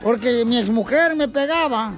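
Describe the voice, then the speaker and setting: A woman's voice: fairly high pitch, normal speed, soft background music. A woman with a Mexican accent co-hosting a radio comedy segment, trading jokes in playful, teasing banter and breaking into laughter. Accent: Mexican Spanish. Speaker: radio show co-host. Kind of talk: joke-telling radio banter.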